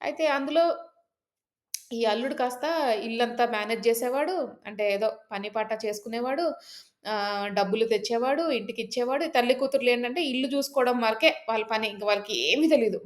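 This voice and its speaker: A woman storyteller telling a folk tale in a chatty, casual way, with many fillers and asides. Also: fairly high pitch.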